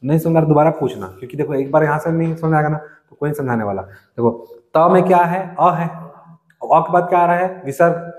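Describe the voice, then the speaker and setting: A man's voice: on the high side, brisk. A male teacher giving a classroom lecture, explaining step by step, asking the class questions and answering them himself. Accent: Chhattisgarh Hindi. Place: coaching classroom. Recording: long reverb.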